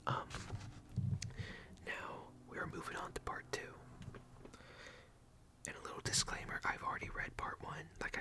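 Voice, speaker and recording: A person whispering close to the ear in an ASMR style, reading carefully from a book and sometimes stumbling over words. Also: sharp tone. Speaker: ASMR host. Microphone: close ear-to-ear microphone.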